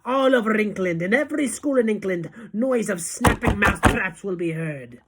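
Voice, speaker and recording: A woman doing a gloating, shouting old witch queen. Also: mid-range voice, expressive, normal speed, very noisy, pitched above the performer's own voice, close to an everyday voice. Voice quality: broken grammar, theatrical. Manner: shouting, gloating, sing-song rhymes. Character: gloating villainous old female witch leader.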